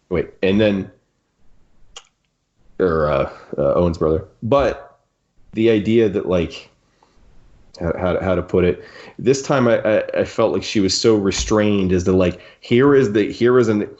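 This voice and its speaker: This host's voice is low with a darkish tone. Talking over a book on his podcast, he is casual and opinionated, pausing often to reword his ideas, all in muffled, dull lo-fi sound.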